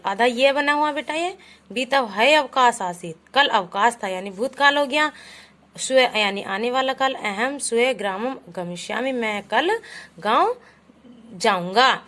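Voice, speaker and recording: A slightly high, fairly bright female voice with lively intonation moves a little slowly through a Sanskrit lesson for children. She reads examples aloud one by one, translates them into Hindi, and patiently addresses the pupils as "beta."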